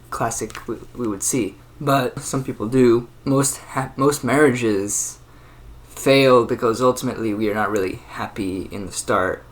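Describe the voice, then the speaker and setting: Young man, early twenties, hosting his own channel; musing unscripted monologue, halting and reflective, average pitch. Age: 20s. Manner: rambling and thoughtful, many fillers and restarts. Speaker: channel host. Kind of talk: casual solo monologue.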